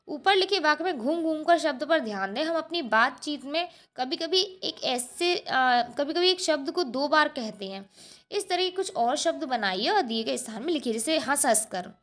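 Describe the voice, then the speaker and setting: A woman's voice: high voice, fairly bright tone. A woman teacher working through a schoolbook lesson, explaining step by step, repeating answers and asking the class rhetorical questions. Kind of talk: textbook lesson walkthrough.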